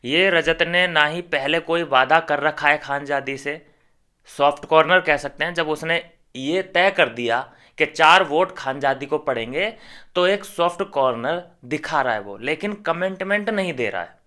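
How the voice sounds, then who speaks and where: A man's voice: a little high, unhurried, sharp tone. A man commentating on a reality show, ranting heatedly and scornfully straight at his viewers.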